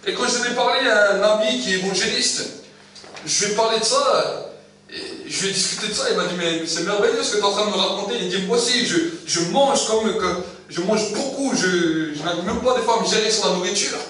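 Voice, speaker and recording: High-voiced man preaching in an echoey hall. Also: fairly quick, pushed and bright. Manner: emphatic, repetitive storytelling. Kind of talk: sermon. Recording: very echoey room, far from the mic, faint noise.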